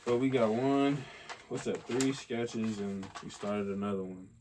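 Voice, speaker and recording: A young man with a fairly low voice rambles through a casual chat about his drawings, piling up fillers and tossing in the odd swear word. A faint hiss sits under his voice. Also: fairly even intonation, a little slow, a little mellow. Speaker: artist vlogger.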